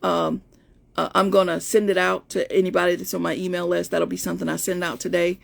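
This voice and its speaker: Her voice lowish with vocal fry, a woman in her fifties speaks briskly and flatly during a casual live stream. She's a life coach with an in-between, not very feminine voice, telling a chatty personal story full of restarts.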